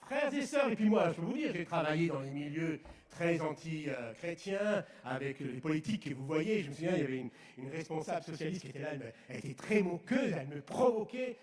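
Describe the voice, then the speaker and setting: French guy preaching outdoors, high voice, loud bursts, stories and jokes, echoey sound. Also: very animated, a little fast. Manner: emphatic, often raises his voice, tells anecdotes with humour. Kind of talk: lively storytelling sermon. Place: outdoors in woods at a festival.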